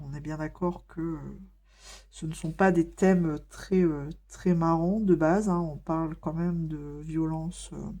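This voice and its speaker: A woman with a somewhat low, slightly mellow voice chats casually with her viewers while coloring at home. This vlogger's tone is wry and easygoing, and she pads her speech with hesitant fillers, often stopping to restart a thought.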